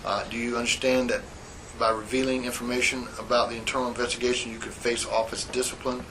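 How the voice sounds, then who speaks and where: An internal affairs sergeant questions a witness on a recorded interview tape, taking a formal sworn statement in an interview room. His mid-range voice is flat, and his manner is measured and procedural as he reads out formal statements. The audio sounds like an old interrogation tape with a faint hiss.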